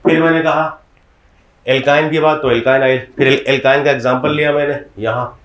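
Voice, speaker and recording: A man's voice: mid-range voice, steady tone, fairly quick, fairly bright tone. Guy teaching chemistry to a class, asks them stuff a lot, echoey room. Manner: explains step by step, often quizzing students. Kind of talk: classroom lecture.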